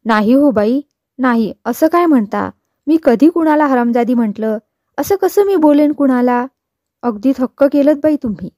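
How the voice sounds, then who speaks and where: Storybook reading: woman voicing a grumbling old cook woman, mellow and higher-pitched. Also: animated, moderate pace, dry recording. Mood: pleading. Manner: shrill, complaining retorts. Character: grumpy old female cook, quick to scold.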